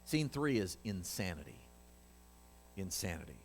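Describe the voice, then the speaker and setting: A man's voice: low voice, sing-song, a little slow, a little hiss or hum. A man preaching a sermon in a church, conversational and emphatic, often asking the congregation questions. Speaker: pastor.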